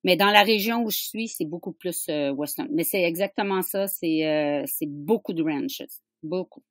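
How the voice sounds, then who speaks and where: A woman's voice: fairly low pitch, normal speed, no echo. An older woman from Canada with an English accent, speaking French as a guest expert over a remote call, hesitant and searching for words. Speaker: guest, western riding expert. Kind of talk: remote interview. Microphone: remote call audio.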